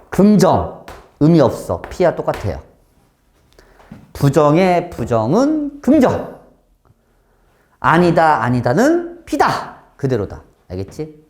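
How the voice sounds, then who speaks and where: A man teaching a high school math class, explaining step by step and constantly checking whether students follow. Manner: lively, questioning, keeps checking understanding. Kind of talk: classroom lecture.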